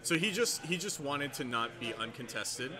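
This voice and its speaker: A man commentating a live card game match in a relaxed, analytical way, filling pauses with quick agreements. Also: medium pitch. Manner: relaxed and analytical, many "yeah" and "yep". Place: game store with crowd behind. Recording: crowd chatter in background.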